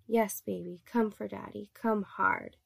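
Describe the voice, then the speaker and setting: A woman voicing a dominant but gentle adult male lover in an erotic story reading, speaking softly and low. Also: fairly even intonation, unhurried, creaky, slightly rough, heavily acted. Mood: tender, commanding.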